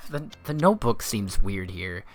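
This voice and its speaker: A man's voice: lowish voice, very animated, unhurried, faint music behind. A man doing casual commentary as he plays a video game, sometimes reading the text aloud.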